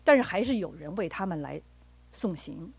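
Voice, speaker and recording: Husky woman preaching earnestly. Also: fairly low pitch, animated, moderate pace, a little mellow, no room sound. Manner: earnest, acts out quoted dialogue. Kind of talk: sermon with personal stories.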